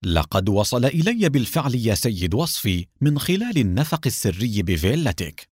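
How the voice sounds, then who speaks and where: A man's voice: medium pitch, sing-song, brisk, a little mellow, breathy edge, no echo, studio quality. A man reading a story voices a confident young detective hero. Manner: confident, determined.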